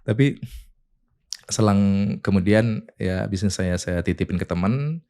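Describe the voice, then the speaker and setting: A man from Indonesia tells his life story in a relaxed interview. His voice is low and dark. He shifts into the voices of the people he quotes as he goes. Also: unhurried. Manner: lively storyteller, voices quotes, laughs while telling. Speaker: guest, clothing business owner.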